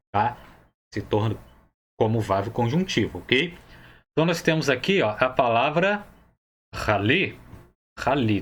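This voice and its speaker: A man's voice: mid-range voice, a bit bright, a little hiss or hum. Man, Brazilian Portuguese accent, teacher, patient step-by-step explanations, checks understanding often, mid-range voice. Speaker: Hebrew teacher. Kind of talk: recorded grammar lesson.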